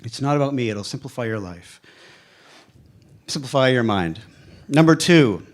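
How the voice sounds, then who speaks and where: A man of fifty giving a motivational speech to a live audience, emphatic, with a repeated refrain and dramatic pauses. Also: medium pitch, expressive. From Canada. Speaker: speaker at a live evening event.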